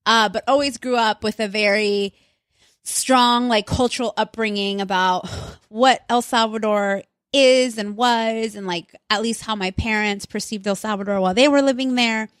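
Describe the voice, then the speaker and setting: A woman's voice: a little high, normal speed, dry recording, studio quality. A woman from Long Island co-hosting a casual podcast, chatty and peppering her talk with "like". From Long Island, New York. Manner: chatty, says "like" often. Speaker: podcast co-host. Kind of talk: casual chat.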